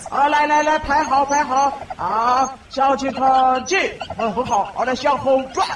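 A man's voice: extremely high pitch, steady tone, measured pace, a bit bright. A man doing a bossy playful animal. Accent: Taiwanese Mandarin. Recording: distant voice with clear noise.

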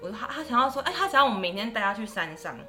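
A fast-talking woman tells ghost stories in a relaxed chat. Her bright voice swings widely in pitch as she acts out the people she quotes. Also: faint music behind. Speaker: guest storyteller. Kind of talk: casual ghost-story chat.

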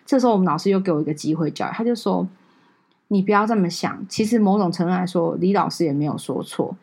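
A woman with a Taiwanese Mandarin accent, co-hosting a podcast and telling a story in an animated, emotional way with many fillers. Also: lowish voice, fast, breathy edge. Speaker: podcast co-host. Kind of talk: casual storytelling chat.

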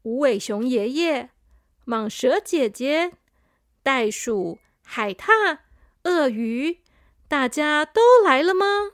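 A woman with a high, lively voice reading a children's story aloud. She speaks gently and unhurriedly to young listeners. The recording is dry and close. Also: slow, dry recording.

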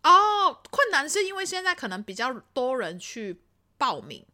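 A woman from Hong Kong in casual podcast conversation. Her voice is on the high side and bright, and it swings widely in pitch. She tells things expressively, with plenty of exclamations. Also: normal speed. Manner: expressive, exclaiming storyteller with frequent laughter. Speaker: podcast host. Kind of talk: casual chat.

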